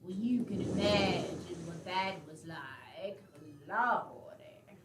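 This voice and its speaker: A woman playing a feeble, indignant grandmother of eighty-six in a stage play, with a folksy, complaining, drawn-out delivery. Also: fairly low pitch, very noisy. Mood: chatty, wry. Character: feeble, indignant 86-year-old farm widow grandmother, folksy and chatty. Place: theater stage, distant mic. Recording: echoey stage from far off, background music.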